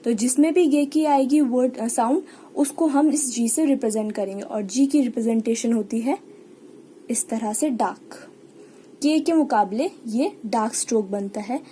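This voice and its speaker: Woman, Indian accent, shorthand teacher, patient and repetitive, high dark mellow voice, faint hiss behind. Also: normal speed. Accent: Indian English. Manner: patient, repeats key words and example sounds. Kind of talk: online lesson explaining step by step.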